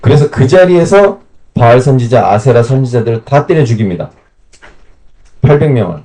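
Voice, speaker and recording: Man retelling Bible stories in a warm voice. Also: mid-range voice, normal speed. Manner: lively colloquial storytelling with questions to the class. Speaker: Bible teacher. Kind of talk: Bible camp lecture.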